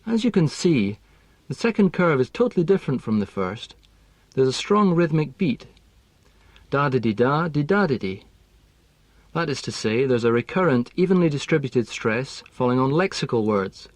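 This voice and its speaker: A man explaining language teaching in a scripted lesson, speaking in a measured, precise way. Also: mid-range voice, lively intonation, a little mellow, no echo.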